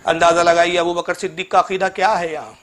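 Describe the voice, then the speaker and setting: A man's voice: high-pitched, level tone, fast, fairly bright tone. A male Islamic preacher giving a polemical religious talk, sarcastically rebuking a rival cleric and reciting Arabic scripture in a chanting cadence.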